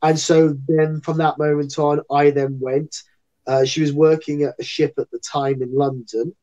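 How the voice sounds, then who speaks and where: Man, interview guest, chatty, rambling storyteller, mellow voice, muffled lo-fi sound. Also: on the high side, flat delivery, normal speed. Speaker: guest entertainer and actor. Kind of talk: casual interview chat.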